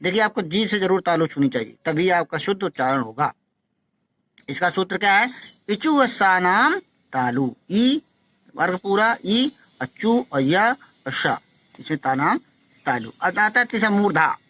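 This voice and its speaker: A male teacher giving a phonetics lesson, who slowly demonstrates each sound, repeats syllables and urges his students to practise. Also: high voice, big pitch swings, bright, forceful tone.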